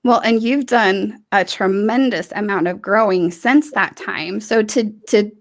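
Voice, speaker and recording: A woman's voice: medium pitch, measured pace. Casting note: woman podcast host, chatty and effusive, repeats and restarts a lot, earbud mic on a video call. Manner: warm-hearted, rambling, lots of restarts and fillers. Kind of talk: casual interview chat. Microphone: earbud headset on a video call.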